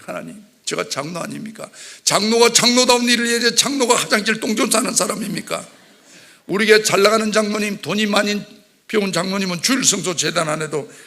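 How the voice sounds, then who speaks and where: A middle-aged man with a Gyeongsang accent, a church elder giving a fervent testimony sermon, swinging from loud cries to hushed confession. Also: sits high.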